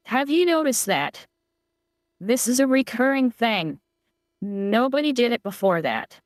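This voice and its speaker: Female reaction host, wry and deadpan, dry close recording. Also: on the high side, no echo. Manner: sarcastic, wry. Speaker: reaction commentator. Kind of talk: reaction commentary.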